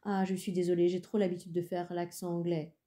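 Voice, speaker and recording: A cheerful, accommodating woman in her late twenties with a sense of humor, as a reader voices her. The tone is very dark and mellow, in an audiobook. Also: on the low side, flat delivery, a little fast, natural voice.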